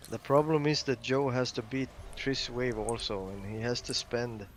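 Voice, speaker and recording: A man co-casting a live esports match, chiming in with short remarks and halting restarts. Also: medium pitch, steady tone, slight background noise. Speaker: esports caster. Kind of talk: live game commentary.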